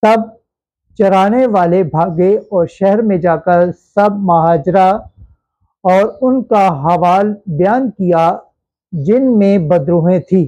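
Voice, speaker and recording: A man giving a slow, solemn liturgical Bible reading as a scripture reader, with measured recitation. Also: sits high, mellow, dull audio.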